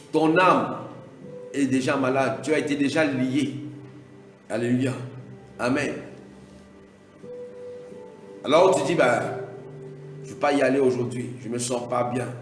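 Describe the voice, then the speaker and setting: A man preaching a Pentecostal sermon, repeating himself and punctuating his lines with alleluia, now and then building to shouts. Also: a little high. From Mauritius. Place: large church hall. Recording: echoey hall from far off, faint music.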